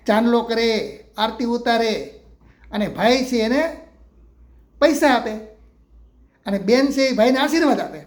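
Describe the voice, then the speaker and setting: An older man from Gujarat with a Gujarati accent, a retired teacher telling a true story from his classroom in a homely, affectionate way, acting out the children's lines. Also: high-pitched. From Gujarat, India. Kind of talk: storytelling monologue.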